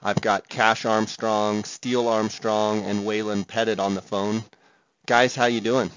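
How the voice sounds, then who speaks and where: A man hosting a podcast in casual interview chat, talking in an easygoing, halting way, his voice fuzzy and distorted from a bad connection. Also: fairly low pitch, little pitch movement, a bit bright, lo-fi sound, a little hiss or hum. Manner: easygoing, halting speech broken by frequent pauses. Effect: distorted audio from a bad connection. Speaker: podcast host.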